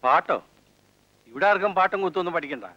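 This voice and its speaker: An actor playing a stern, gruff head of a household who scolds those around him in a film comedy. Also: male voice, high-pitched, quick pace, pushed and bright, no echo, rough recording. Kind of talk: 1990s film comedy dialogue.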